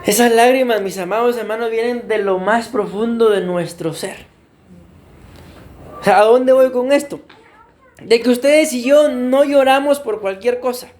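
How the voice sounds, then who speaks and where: A man's voice: very high voice, a little mellow. A man preaching a sermon as pastor, often addressing his congregation as beloved brothers and putting questions to them. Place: church.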